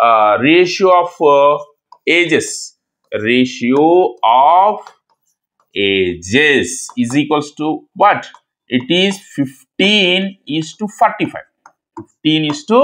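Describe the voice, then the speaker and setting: A man with a Telugu accent, a native Telugu speaker, teaching a math lesson in English and Telugu. He repeats key words and asks questions that he answers himself. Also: fairly high pitch.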